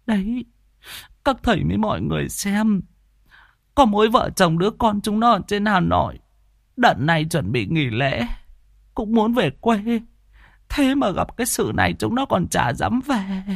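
A man's voice: very animated, normal speed, creaky, dry recording, clean studio sound, full character voice. A man voicing a worried older village woman who pleads through tears. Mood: tearful. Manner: whimpering, high-pitched pleading.

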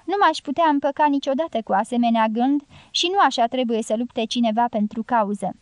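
A woman reading the part of a reserved male fighter who answers in short, measured lines. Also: fairly high pitch, darkish tone, dry recording, natural voice. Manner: measured, terse replies.

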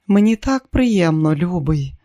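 A woman's voice: on the low side, lively intonation, unhurried, dark tone. An audiobook reader voicing a flustered, pleading woman who is a widowed diplomat. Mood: breathless. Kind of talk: audiobook character reading.

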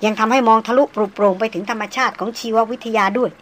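A woman reading the part of a refined, self-assured young woman doctor, speaking slowly and deliberately. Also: a little high, fairly even intonation, lightly acted. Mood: musing. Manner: slow, measured, deliberate. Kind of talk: audiobook character reading.

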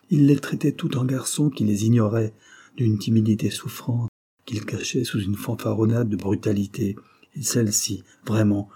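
Casting: male audiobook narrator, measured literary reading, dark husky timbre. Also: fairly low pitch.

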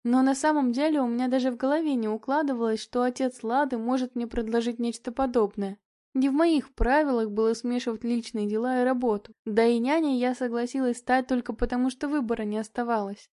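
Mellow woman reading an audiobook. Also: fairly high pitch, fairly even intonation, a little fast. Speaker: audiobook narrator. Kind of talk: scripted first-person narration.

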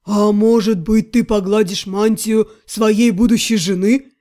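Lady doing a lowish slow-talking half-gnome buddy, teasing and theatrical, fantasy audiobook. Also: steady tone, warm tone, lightly acted. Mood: wry, teasing. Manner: drawling, mock-dramatic. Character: wry male half-gnome, teasing best friend.

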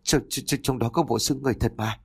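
A man's voice: medium pitch, steady tone, fast talker, creaky, husky. A man voicing a panicked middle-aged village uncle who stammers with fright in a storybook tale. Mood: terrified.

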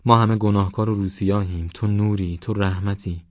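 A man's voice: lowish voice, fairly even intonation, no room sound, dull audio, close to an everyday voice. A man voicing a defiant young orphan woman. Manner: fierce, pleading.

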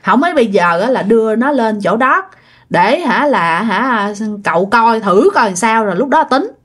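A woman's voice: on the high side, animated, moderate pace, a bit bright. Blunt, familiar old neighbor woman, voiced by a woman storyteller. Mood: blunt, urging. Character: blunt older female neighbor.

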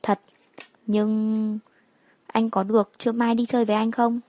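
A woman's voice: fairly high pitch, flat delivery, a little slow, dark tone, no echo, lightly acted. Coaxing, scheming male boss, middle-aged, dry close voice , played by a woman.

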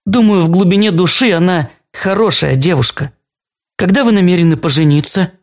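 A man reading a storybook, voicing a gentle, forgiving female ghost who speaks fondly. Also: high voice, brisk, pitched above the performer's own voice. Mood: sympathetic. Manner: fond, forgiving, calmly observant. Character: gentle, doting female ghost, a murdered former lover. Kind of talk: audiobook character voice.

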